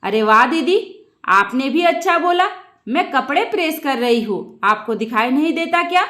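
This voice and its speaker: A woman's voice: high voice, expressive, normal speed, pushed and bright. A woman voicing a sarcastic young sister-in-law with a snippy manner.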